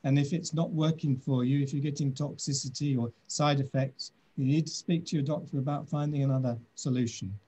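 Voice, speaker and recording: Measured British man on video call. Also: medium pitch, steady tone, dark tone, slightly rough. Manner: measured, thoughtful, many "um"s. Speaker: doctor answering questions. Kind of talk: webinar Q&A. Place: office.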